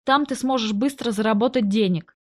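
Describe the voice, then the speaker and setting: A woman voicing a hurried female shop coworker who speaks urgently and breathlessly. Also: fairly high pitch, close to an everyday voice.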